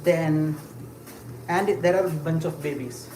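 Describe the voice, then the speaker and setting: Slow and a little mellow, this medium-pitched voice belongs to a livestreamer walking while answering chat. Casual and musing, the talk is filled with fillers and short laughs, and the echoey recording carries clear ambient noise.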